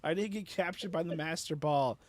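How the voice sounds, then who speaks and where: A man with a slightly high voice speaks briskly while streaming a shooter game with friends. It's casual gaming chat, full of laughter and playful sound effects.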